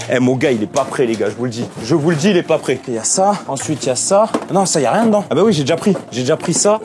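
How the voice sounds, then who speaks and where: A young man giving excited, slangy commentary to his viewers while searching for someone. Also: on the high side, noisy background. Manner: hyped, slangy, keeps addressing "les gars". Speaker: seeker in a hide-and-seek video.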